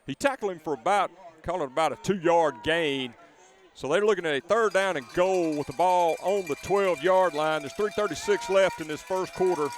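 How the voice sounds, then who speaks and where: Color commentator, slightly high pitch, chatty with stop-start phrasing, outdoors at the field. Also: male voice, normal speed. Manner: conversational, repeats words as he restarts. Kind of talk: live football color commentary. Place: outdoors at a high school football stadium.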